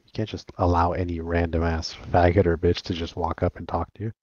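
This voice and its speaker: A man's voice: deep voice, level tone, brisk, a little mellow, no room sound, lo-fi sound. A man in casual argumentative chat, blunt, crude and dismissive, often repeating himself.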